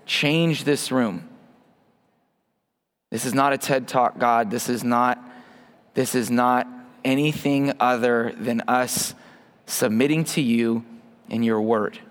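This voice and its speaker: This preacher, a man in his thirties, offers a casual sermon and prayer through a worn microphone in a large church hall. His voice is on the high side, and he tends to restart his sentences with self-deprecating humor.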